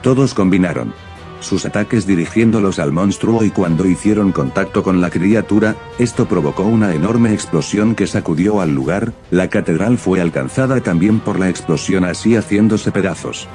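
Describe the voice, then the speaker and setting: A man's voice: deep voice, moderate pace, darkish tone, soft background music. A man reading scripted narration of a fantasy fan story.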